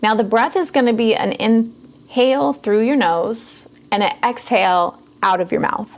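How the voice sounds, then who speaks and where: Soft-spoken lady talking thru nervous system stuff, relaxed, leads a breathing count. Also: on the high side, a little slow. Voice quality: gentle, conversational, many fillers. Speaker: self-care podcast host. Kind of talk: calm teaching talk with guided breathing.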